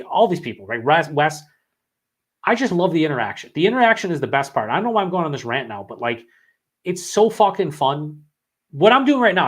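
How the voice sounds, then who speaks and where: A man with a sore throat after hours of talking, hosting a live beer-review stream, rambling and swearing as he reads chat comments aloud. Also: fairly high pitch.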